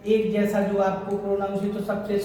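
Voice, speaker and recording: A man's voice: high-pitched, completely flat delivery, fairly quick, dark tone. Guy teaching a bio class, keeps asking if everyone gets it, super echoey room, mic way off. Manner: asks the class questions and checks they follow; explains with homely everyday comparisons. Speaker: biology teacher. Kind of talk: classroom revision lecture. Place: large echoing classroom. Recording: echoey hall recorded from far off.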